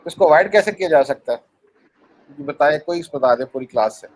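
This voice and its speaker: A man lecturing a class with a fairly high voice. He acts out small scenes to explain a point, puts questions to his students and slips English phrases into his speech. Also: lively intonation, fairly quick, rough recording. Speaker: university lecturer.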